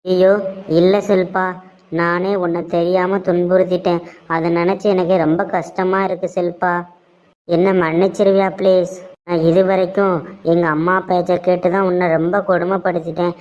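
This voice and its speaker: A woman voicing a guilt-ridden young man, low and dull-toned. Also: little pitch movement, moderate pace, darkish tone, lightly acted. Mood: pleading. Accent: Tirunelveli Tamil. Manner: pleading, theatrical. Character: remorseful young man, scheming, wavering son. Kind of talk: cartoon voice acting. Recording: dull lo-fi sound.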